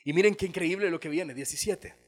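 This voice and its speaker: High-voiced pastor preaching. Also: male voice, a little fast. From El Salvador. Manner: acts out biblical dialogue, lively storytelling. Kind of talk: sermon. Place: church auditorium.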